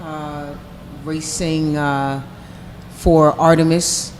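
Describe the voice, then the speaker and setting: A man's voice: on the high side, little pitch movement, very slow. A man who races bikes, a podcast guest chiming in with supportive remarks. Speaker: bike racer, podcast guest. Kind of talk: casual podcast chat. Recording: reverberant room, faint background hum.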